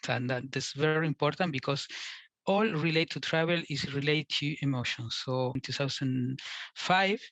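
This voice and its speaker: Halting Chilean-born man giving a talk. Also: fairly high pitch, a bit bright, dry recording. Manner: halting, repeats words, non-native phrasing. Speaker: invited speaker. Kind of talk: conference talk.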